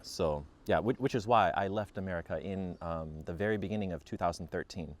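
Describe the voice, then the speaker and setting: A vlogger in his late thirties who grew up in Japan chats casually outdoors, answering viewer questions with plenty of ums and restarts. His voice sits low and moves fairly quickly.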